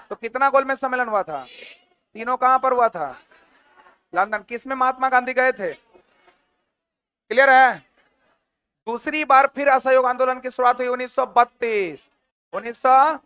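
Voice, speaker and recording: A man's voice: extremely high pitch, pushed and bright, clear, resonant tone, dry recording, muffled recording. A man teaching an exam-prep history lecture, firing off questions and repeating the answers again and again.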